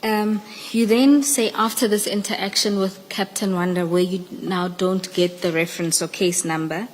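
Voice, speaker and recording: A woman's voice: medium pitch, steady tone, normal speed. A woman with a South African accent formally questioning a witness at a hearing. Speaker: evidence leader questioning a witness. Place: large indoor hearing room. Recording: echoey hearing room, background noise.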